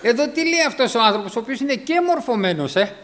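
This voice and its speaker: A man's voice: very high voice, expressive, a bit bright. A man preaching a sermon, emphatic, repeating key phrases and acting out the voices in his stories. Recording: echoey hall.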